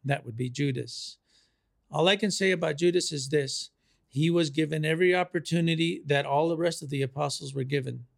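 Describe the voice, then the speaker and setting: A male preacher delivers a sermon at a measured, deliberate pace. His voice sits a little high and carries a gravelly rasp. He stresses key phrases by repeating them.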